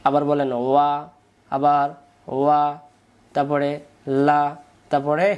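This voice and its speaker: A man's voice: on the high side, monotone, takes it slowly, clear, resonant tone, highs cut off. A man with a Bangladeshi Bengali accent teaching Quran recitation rules, patiently drilling syllables and asking his pupils to repeat after him. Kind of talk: spoken lesson with call-and-repeat drills.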